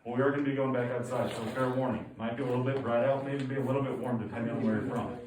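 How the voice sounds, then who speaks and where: A man's voice: mid-range voice, steady tone, rapid-fire, a little mellow. A man working as a cave tour guide, speaking informally and jokingly to a group, with cave echo around his voice. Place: inside a cave. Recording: cave echo, distant mic, background noise.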